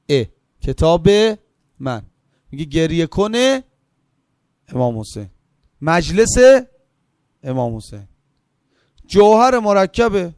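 A man delivering a religious sermon, asking questions and answering them himself, swinging between emphatic high phrases and soft low asides. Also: no echo, clean studio sound. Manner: rhetorical, asks and answers his own questions. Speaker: preacher.

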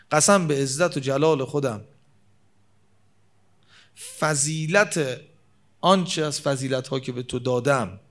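A man's voice: medium pitch, a bit bright. Emphatic male preacher quoting scripture. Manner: emphatic, slows down to quote scripture. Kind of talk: religious sermon from the pulpit.

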